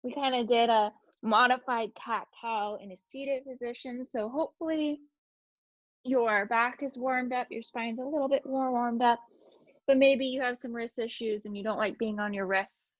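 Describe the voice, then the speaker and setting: A woman instructor calmly guiding a gentle yoga class, cueing each breath and movement. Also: a little high, normal speed, dry recording, muffled recording.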